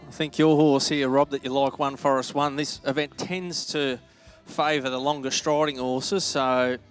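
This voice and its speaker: A man's voice: mid-range voice, little pitch movement, normal speed, soft background music. A man giving expert commentary on horse sport as a co-commentator.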